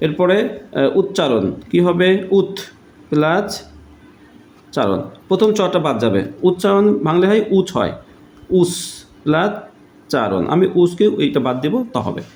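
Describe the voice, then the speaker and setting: A man teaching a grammar lesson, patiently repeating words and pausing often. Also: high-pitched, sing-song, a little mellow. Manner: patient, repeats words slowly with many pauses. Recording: echoey room with faint noise.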